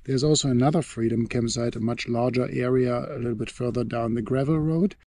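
A man's voice: mid-range voice, fairly quick, slight background noise. A man in his thirties narrating a casual fishing vlog outdoors by a lake, chatty and a little unsure of himself, recorded on a handheld action camera. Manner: relaxed, chatty, unsure asides. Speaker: fishing vlogger. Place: outdoors by a lake and in a camper van.

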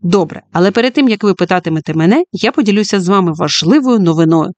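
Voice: medium pitch, animated, quick pace, no echo, natural voice. A storybook reader voicing a friendly male schoolteacher who shares happy news with his class in an upbeat tone, heard dry and close. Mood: cheerful.

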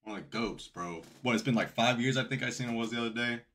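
A man's voice: mid-range voice, fast, fairly bright tone. A man hosting a music reaction video, talking in a hyped, slangy, casual way.

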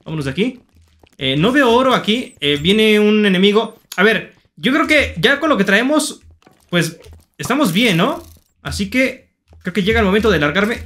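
Excitable Mexican gamer narrating his play. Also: sits high, normal speed. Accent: Mexican Spanish. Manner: excitable, talks to himself and viewers, shouts at finds and enemies. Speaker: gaming YouTuber. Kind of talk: Minecraft let's play commentary.

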